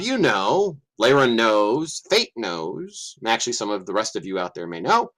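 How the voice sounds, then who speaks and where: A middle-aged guest game master talks casually on a livestream call in a mid-range voice. Lively and loose, he swears in passing and mutters as he hunts around his screen.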